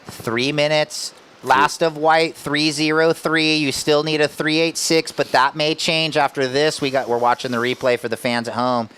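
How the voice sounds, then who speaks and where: A man's voice: fairly high pitch, little pitch movement, normal speed, few pauses, a bit bright, clean tone. A man doing live surf contest commentary, calling scores and priorities in a laid-back, casual surfer way with slang.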